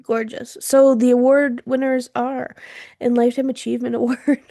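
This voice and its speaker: A woman's voice: on the high side, flat delivery, moderate pace, vocal fry, warm tone, no echo, studio quality. A woman co-hosting a podcast in casual chat, chatty and laughing often, her throat irritated from smoke. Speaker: podcast co-host.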